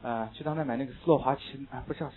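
A man teaching an English class, lively and chatty, mixing in English phrases and anecdotes. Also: medium pitch, racing. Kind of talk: classroom lecture. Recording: tinny, phone-like lecture recording.

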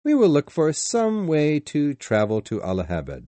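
A man voicing a composed English gentleman traveler who speaks in a measured, confident way. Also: on the high side, wildly swooping pitch, no echo, pitched above the performer's own voice. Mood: calm.

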